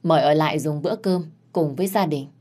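A woman's voice: deep voice, quick pace, dark tone. A woman voicing a scheming middle-aged mistress of the house who makes cool, pointed remarks.

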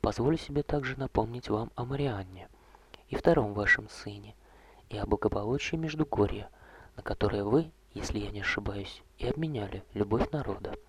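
A man doing a hushed old vampire courtier. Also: on the low side, a little hiss or hum, natural voice. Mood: calm. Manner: soft, slow, hushed, often whispered. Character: old male vampire courtier, gentle, weary, ironic.

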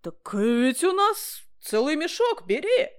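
A woman voicing a crafty, jovial older man with a loud, coaxing way of talking, in a storybook reading. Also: high-pitched, big pitch swings, slow pace, voice pushed up, heavily acted. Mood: sly. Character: sly folksy older man, cheerful old worker.

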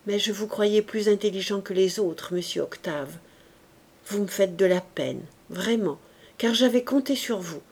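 A poised, practical shop owner speaks calmly and reasons things out with quiet assurance, as a woman reads her lines. The voice is mellow and warm, with no harshness. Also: medium pitch, unhurried, breathy edge. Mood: cool reasoning. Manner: cool, composed, reasoning. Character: calm, practical businesswoman running a shop.

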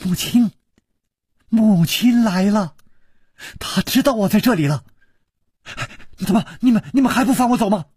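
A man's voice: medium pitch, huge pitch swings, slow pace, long pauses, a little mellow, husky, dry recording, clean studio sound, exaggerated voice. A man voicing a frightened, desperate young girl who stammers and trembles in a storybook reading. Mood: hopeful, pleading.

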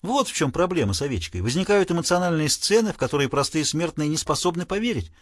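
Expressive male audiobook narrator. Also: a little high, quick pace, no room sound, studio quality. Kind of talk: scripted narration.

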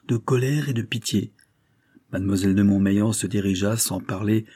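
Man, audiobook narrator, solemn, low pitch. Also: mellow, husky, no echo, clean studio sound. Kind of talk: scripted literary narration.

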